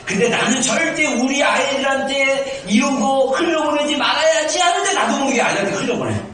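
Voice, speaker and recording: High-voiced preaching man in echoey church. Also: a little fast. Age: 50s. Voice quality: naturally high-toned voice. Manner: animated, swings from soft asides to shouted emphasis. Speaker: pastor. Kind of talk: sermon. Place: church sanctuary. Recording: echoey room, distant mic.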